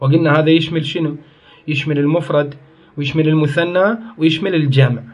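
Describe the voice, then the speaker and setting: A man's voice: fairly high pitch, fairly even intonation, fast talker, lo-fi sound. A man teaches a grammar lesson. He explains each point step by step, asks questions and answers them himself, and stops to correct his own slips. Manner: corrects himself mid-sentence.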